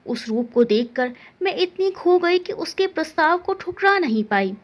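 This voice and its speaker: A woman's voice: very high-pitched, lively intonation, moderate pace, voice pushed up. A woman voicing a dreamy young woman in love. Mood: wistful.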